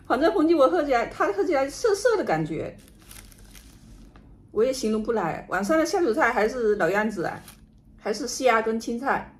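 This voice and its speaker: Higher-voiced woman chatting casually over food. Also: very animated, moderate pace, pauses often. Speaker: vlogger doing an eating and drinking livestream. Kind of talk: casual chat to camera while eating and drinking. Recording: noticeable background noise, home ambience.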